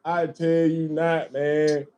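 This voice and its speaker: A man's voice: on the high side, level tone, slow pace, a little mellow, a little hiss or hum. A man hosting a casual podcast, telling a long story with lots of swearing, laughter and "man" and "bro" thrown in. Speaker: podcast host.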